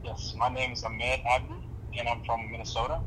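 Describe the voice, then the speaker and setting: A man's voice: medium pitch, level tone, brisk, fairly bright tone, a little hiss or hum, rough recording. A young man from Somalia answering interview questions in a casual, hesitant way, with many fillers and restarts. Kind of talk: casual oral history interview.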